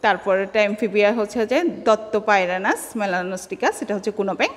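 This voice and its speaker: A woman teaching a biology lecture, slowly sounding out long scientific names with care for her students. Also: mid-range voice. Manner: slow, careful spelling-out of scientific names. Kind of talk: classroom lecture. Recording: long reverb.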